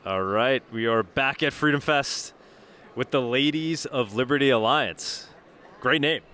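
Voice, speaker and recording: A man's voice: medium pitch, unhurried, pushed and bright. A man hosting an interview, asking questions with stumbling restarts and repeated words. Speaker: podcast host, interviewer. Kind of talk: casual interview. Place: busy convention venue.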